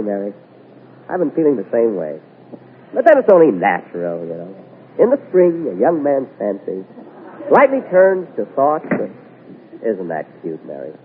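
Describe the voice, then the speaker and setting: A man hosting a 1940s radio comedy, delivering his lines with indignant, deadpan comic timing, heard as an old AM radio broadcast. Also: on the low side, normal speed, pauses often, phone-quality sound, a little hiss or hum. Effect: old AM radio broadcast sound.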